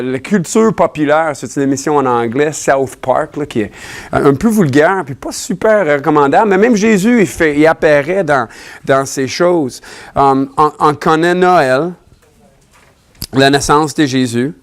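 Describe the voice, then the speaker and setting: A man whose first language is English delivers a sermon in a church in a fairly high voice. He talks casually, with jokes, fillers and restarts. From Ontario, Canada. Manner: casual, joking, halting with many fillers. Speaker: preacher.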